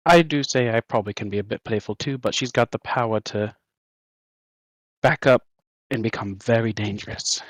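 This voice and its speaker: A man's voice: medium pitch, moderate pace, no room sound. Playful man in tabletop role-play. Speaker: player.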